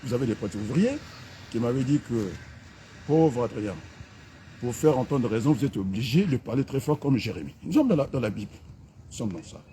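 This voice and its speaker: A man's voice: medium pitch, animated, a little fast. Brief: middle-aged man, combative political rant, medium voice, outdoor street take, faint traffic hum. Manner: fiery, combative, mocking, with sudden loud outbursts. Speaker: political activist. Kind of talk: impassioned political rant to camera. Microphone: camera held by a companion.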